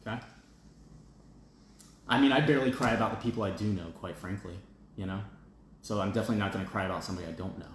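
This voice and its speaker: A man's voice: lowish voice, fast talker, long pauses, slight background noise. A man hosting an opinion show, giving a blunt, emphatic casual monologue and often checking in with "okay?" and "all right?", then reading out viewer comments. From United States. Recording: very echoey room.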